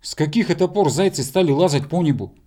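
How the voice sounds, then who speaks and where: Мужчина озвучивает в сказке медвежонка, который ворчит, но решительно командует и громко кричит. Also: male voice, sits high, sing-song, slow, pitched above the performer's own voice, full character voice. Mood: commanding. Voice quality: gruff, commanding shouts. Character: grumbling but resourceful male bear cub.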